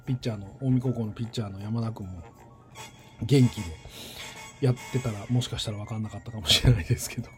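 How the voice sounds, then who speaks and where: A man in his forties from western Tokyo speaks standard Japanese tinged with Kansai, addressing nursery teachers in a casual solo monologue. He rambles and thinks aloud with many pauses, his voice low and steady over background music.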